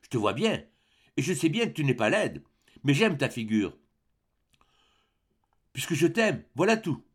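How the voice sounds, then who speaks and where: A man's voice: on the high side, sing-song, measured pace, long pauses, husky, exaggerated voice. A man voicing an earnest young peasant man who talks eagerly and insistently in an audiobook.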